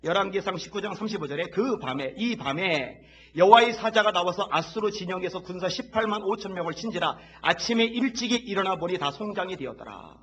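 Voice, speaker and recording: A man preaching a sermon as pastor in a church, leading the congregation to repeat after him and rising from quiet talk to loud, impassioned shouts. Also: high voice, animated, fairly quick, slightly rough. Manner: leads the congregation in call-and-repeat. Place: church sanctuary.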